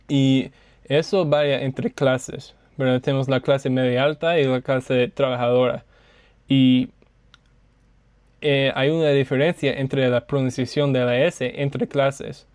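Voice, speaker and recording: Guy w/ a giving a class slide talk, flat even voice, lots of ums and restarts. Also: mid-range voice, smooth, no room sound. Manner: hesitant, many fillers and self-corrections. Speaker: student presenter.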